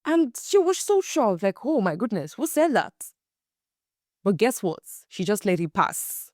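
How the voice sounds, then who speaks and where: A young adult woman hosting a faith-based podcast, telling stories in a casual, animated way and acting out the quotes. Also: medium pitch, unhurried, dry recording, studio quality. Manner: animated storyteller, acts out quotes, emphatic repeats. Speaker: podcast host.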